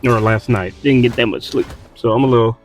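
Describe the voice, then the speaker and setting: A man's voice: medium pitch, fairly quick, soft background music. A man from Texas with a Southern accent, tired from little sleep, rambling casually with lots of fillers and restarts while playing a game. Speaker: gaming streamer.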